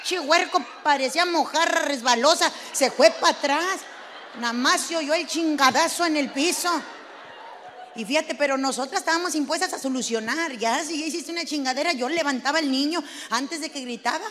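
A woman's voice: high-pitched, moderate pace, a bit bright, big-room sound, slight background noise. A middle-aged woman with a Mexican accent doing brash, crude stand-up storytelling, acting out her mother and her kids. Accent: Mexican Spanish. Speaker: stand-up comedian in character.

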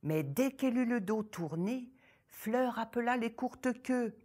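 A woman tells a folk tale aloud, pacing it slowly and expressively, as if she is speaking to listeners gathered around her. Her delivery is deliberate and shaped for the story. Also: on the high side, animated, a little mellow, slightly rough.

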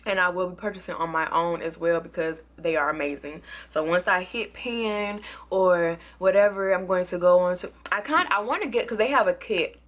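A young woman reviewing products in a casual, excitable vlog, sometimes talking with food in her mouth. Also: lowish voice, moderate pace, few pauses. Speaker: beauty and product vlogger.

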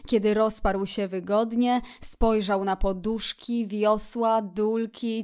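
Slow, calm woman reading a storybook. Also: mid-range voice, clean tone. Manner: calm, measured, softly read. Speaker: audiobook narrator. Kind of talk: scripted narration.

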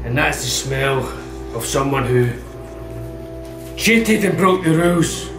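A melodramatic wrestler acted by a man delivers a vengeful wrestling promo. He speaks very slowly with theatrical pauses. The sound is echoey and off the mic, with faint music behind. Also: fairly high pitch, lively intonation, recorded from a distance. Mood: brooding menace. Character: aggrieved, melodramatic male wrestler vowing revenge.

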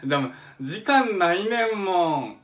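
A man's voice: high-pitched, lively intonation, a little slow, fairly bright tone. Chatty middle-aged man with a Kansai accent. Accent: Kansai Japanese. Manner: eager, chatty explainer who hums examples and reads out viewer comments. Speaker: live-stream host. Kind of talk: casual live-stream talk explaining music. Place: home kitchen. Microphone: phone or webcam on a live stream.

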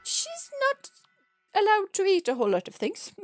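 A young Swedish woman, a streamer who also teaches, chats casually with her viewers while gaming, speaking with a light Swedish accent. Her voice is extremely high and swoops wildly in pitch, though her pace stays measured. She laughs often and restarts her words, with faint music playing behind her.

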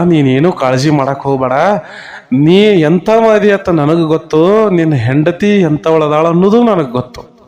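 A serene holy man speaks with steady, kindly authority in a storybook telling, as a man puts him on. He soothes and reassures, his voice sitting slightly high. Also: close to an everyday voice. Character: calm reassuring male saint, kindly authority.

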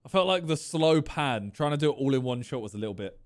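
A young man streaming from a neon-lit gaming room, reacting to a quiz video with casual, chatty commentary, laughing often and exclaiming loudly. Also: medium pitch, animated, fast talker. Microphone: studio mic on boom arm with headphones.

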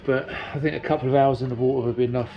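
A sailing vlogger in his forties casually narrates his boat work to an action camera, thinking aloud with fillers, first on the water beside a hull and then in a workshop. His mid-range voice is fairly even and very fast. The audio is dull, with faint outdoor background noise.

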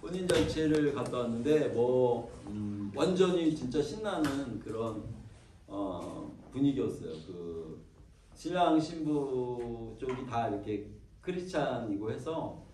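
A man preaching in a loose, chatty way, often pausing on fillers as he talks to a small congregation. His voice is mellow and mid-pitched. It sounds roomy and a little far from the mic, with a faint hiss underneath. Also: lively intonation. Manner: conversational, many pauses and fillers. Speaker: pastor. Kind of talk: informal sermon.

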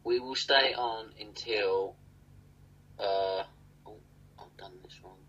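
A man's voice: fairly low pitch, slow, a bit bright, lo-fi sound, a little hiss or hum. A young man co-hosting a casual livestream from a small room, chatting and thanking viewers by name. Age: young adult. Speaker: livestream co-host. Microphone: webcam at desk.

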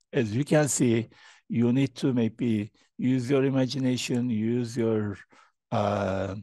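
A man's voice: mid-range voice, dark tone, no room sound. A middle-aged man giving a keynote talk over a video call, hesitant and full of fillers and repeated words. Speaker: keynote speaker. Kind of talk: conference keynote presentation. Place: indoor room, presenting remotely. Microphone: video call webcam.

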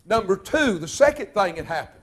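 A man preaching a revival sermon, fervent and drawn out, sometimes shouting. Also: high voice, sing-song. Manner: fervent, shouting at peaks, drawn-out emphatic phrases. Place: church sanctuary.

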